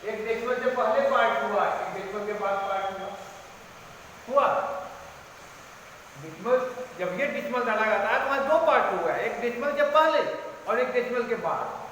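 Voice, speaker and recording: A male math teacher with a very high voice, teaching a lesson in a classroom. He quizzes the class and answers himself, drilling each term over and over. His voice rings through a strongly echoing room with a long reverb tail. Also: a bit bright. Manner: asks questions and answers them himself, repeats key terms. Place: school classroom. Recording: very echoey classroom, faint room noise.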